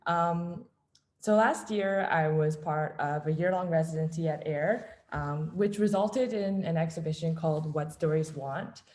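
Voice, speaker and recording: Soft-spoken Canadian woman hosting a reading. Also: low-pitched. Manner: many ums and pauses, soft-spoken. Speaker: event host. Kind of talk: hesitant live introduction over video call. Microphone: video call.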